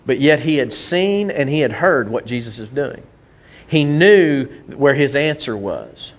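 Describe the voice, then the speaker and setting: A man's voice: mid-range voice, expressive, measured pace. A male pastor, preaching a conversational sermon to his church, often restarting and repeating words as he goes.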